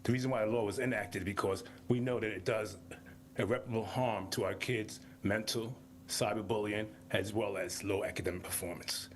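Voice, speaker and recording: A man's voice: on the low side, steady tone, a little fast, slight background noise. A man, out of breath, giving a parent's public comment at a school board meeting, asking direct questions with slight stumbles.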